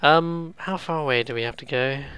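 A man's voice: a little high, moderate pace, a bit bright, clear, resonant tone, no echo, rough recording. A man giving casual let's play commentary, musing aloud and joking as he goes. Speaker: gaming video host.

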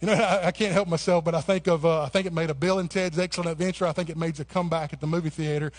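A man's voice: fairly high pitch, fairly even intonation, rapid-fire. A pastor preaching a sermon in a church, passionate and conversational, often restarting and saying "man". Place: church sanctuary.

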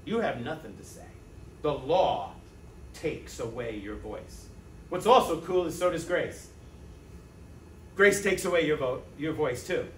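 A man preaching a sermon as pastor, talking conversationally to the congregation with rhetorical asides and quick check-ins. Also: a little high, animated, a little hiss or hum. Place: church sanctuary. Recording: echoey church sanctuary from a distance.

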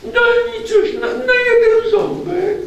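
A greedy, tearful octopus wails in a piercing falsetto, as a man puts her on. She whines and begs in long, drawn-out cries. The voice rings through an echoey room and is heard from a distance. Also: fairly even intonation, creaky, a bit bright, muffled recording, exaggerated voice. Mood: pleading. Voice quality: shrill falsetto, wailing. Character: whiny, greedy female octopus, shrill and tearful.

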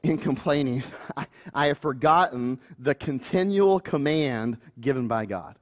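A male youth pastor preaching a sermon in a church, animated and chuckling often. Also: mid-range voice, measured pace.

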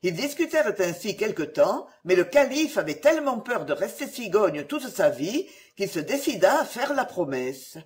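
Lively, expressive storybook narrator. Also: mid-range voice, moderate pace, hardly any pauses. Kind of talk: storybook reading.

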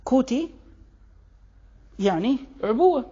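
A speaker with a Kuwaiti accent gives a lively explanatory monologue on where words come from, asking rhetorical questions and answering them. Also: high voice, takes it slowly, breathy edge, dull audio. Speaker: language commentator. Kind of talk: explanatory monologue on word origins.

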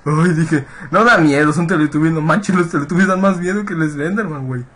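Fairly high-pitched, a little fast, and a bit bright, this man plays a horror game on camera for his gaming videos, speaking with a Mexican accent. He's on edge the whole time, swearing and letting out yelps at the scares, recorded on his webcam and computer mic.

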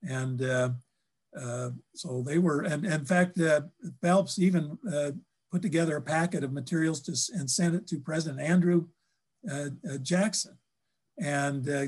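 An older man talks history over a video call from his office, his voice sitting a little high for a man. He stumbles and restarts often, with steady filler sounds between his phrases. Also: slightly rough. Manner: halting, many ums and restarts. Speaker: historian guest. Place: office with bookshelves.

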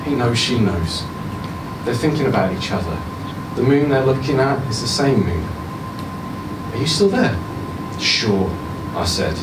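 A man in his thirties reads a short story to a live audience in a small indoor bar, standing at a stand mic, in a sing-song, unhurried voice. He gives the woman's lines a higher voice and goes quiet and low near the end. Filmed from a distant camera, the sound is roomy with background hum.

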